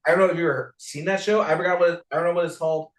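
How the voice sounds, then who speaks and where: A male guest talks through a casual recap in a halting way, leaning on fillers and restarts. His voice sounds roomy, with a clear echo around it. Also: fairly high pitch, steady tone. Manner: halting, full of "you know" restarts.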